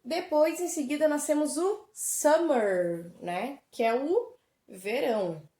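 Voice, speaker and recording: A woman with a Brazilian Portuguese accent, teaching an English lesson remotely and explaining words slowly and clearly to children. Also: sits high, expressive, mellow, reverberant.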